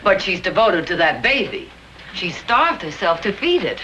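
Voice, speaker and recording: A woman's voice: mid-range voice, big pitch swings, moderate pace, pushed and bright, dull audio, slight background noise. An actress playing an earnest, compassionate woman lawyer who talks persuasively. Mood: firm. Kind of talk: 1950s television drama acting.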